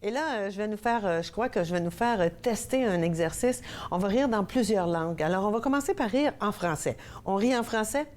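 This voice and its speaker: A woman's voice: medium pitch, expressive, fairly quick, few pauses, darkish tone, slight background noise. A woman from Quebec with a Québécois accent hosting a laughter yoga TV show, bubbly and laughing often as she leads exercises. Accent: Québécois French. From Quebec, Canada. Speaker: laughter yoga instructor and host. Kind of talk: upbeat on-air instruction with laughter exercises.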